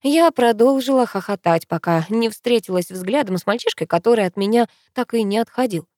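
Woman, audiobook narration, first person, expressive, dry close recording. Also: a little high, brisk, dry recording.

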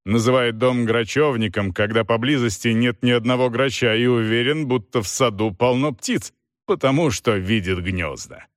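A man's voice: mid-range voice, moderate pace, dry recording, studio quality, lightly acted. A man voicing a stern, imperious older aunt in an audiobook reading, with a curt, commanding and dismissive manner. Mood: brusque.

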